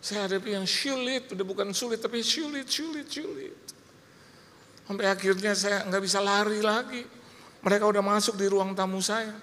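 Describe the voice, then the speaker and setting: A male pastor preaching a sermon and telling his own story dramatically, swinging from soft to shouting, in a reverberant church hall. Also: high-pitched, slight background noise. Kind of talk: sermon with personal testimony.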